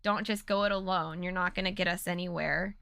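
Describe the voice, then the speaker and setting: A woman's voice: on the low side, fairly even intonation, a little fast, gravelly, sharp tone, dry recording, pitched below the performer's own voice. A woman voicing an earnest, burly male warrior giving advice to a friend.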